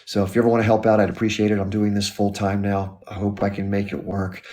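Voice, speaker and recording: A man hosting a live stream, talking casually in a relaxed, rambling way as he closes the show. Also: lowish voice, fast talker, slight background noise. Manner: relaxed, rambling, friendly sign-off talk.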